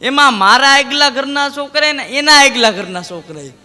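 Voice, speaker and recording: A man's voice: very high-pitched, lively intonation, normal speed, long reverb tail, noisy background. A man telling comic anecdotes on stage, acting out friends in dialogue. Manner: telling joke anecdotes in first person, voicing friends in dialogue. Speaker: stand-up comedian. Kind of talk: Gujarati folk comedy storytelling.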